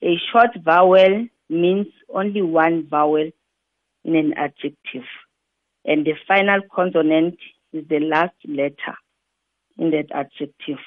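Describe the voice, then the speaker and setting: A woman teacher patiently explaining grammar rules to learners, repeating each example slowly, syllable by syllable. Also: low-pitched, dry recording. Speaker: English teacher. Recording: tinny phone-like dry recording.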